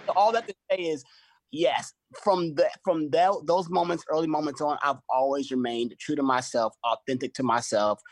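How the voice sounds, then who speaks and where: A middle-aged man in casual conversation, an animated storyteller who acts out his own quoted lines. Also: a little high, normal speed, no room sound. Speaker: choreographer and podcast guest.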